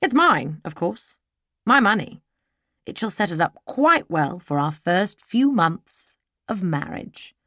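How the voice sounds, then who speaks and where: Woman voicing a smug scheming gentleman villain. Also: on the low side, very animated, slow, no room sound, full character voice. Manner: sly, mocking and smug. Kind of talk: audiobook character voice.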